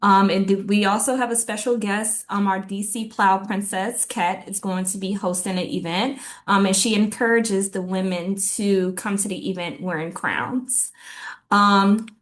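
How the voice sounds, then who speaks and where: A woman reads out a list of local events and grant programs at a neighborhood meeting. She pauses often with ums and sounds slightly out of breath. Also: mid-range voice, fairly even intonation, fairly bright tone. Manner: halting, many ums, reads list of items. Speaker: city government liaison giving community updates. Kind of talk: meeting update report.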